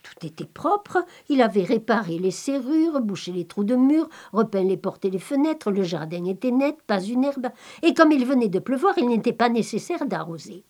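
A woman reading a folk tale aloud in a calm, measured, expressive storybook manner. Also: fairly high pitch. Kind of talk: slow storybook narration.

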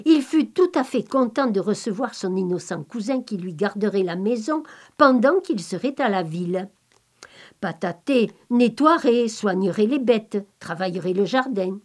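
A woman reading a folk tale aloud in a calm, measured, expressive storybook manner. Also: mid-range voice. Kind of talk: slow storybook narration.

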